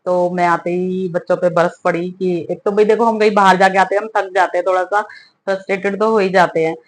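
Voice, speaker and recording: A woman's voice: lowish voice, a little fast. Chatty mother telling a home story. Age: middle-aged. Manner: chatty, animated, laughing often. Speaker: vlogger. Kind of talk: casual storytelling vlog.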